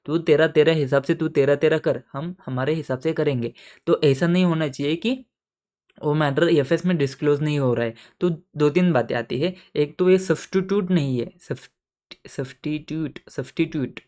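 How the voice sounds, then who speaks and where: A man's voice: fairly high pitch, darkish tone. Playful, chatty male audit teacher. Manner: playful, chatty, repeats key terms slowly. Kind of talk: casual Hindi-English lecture.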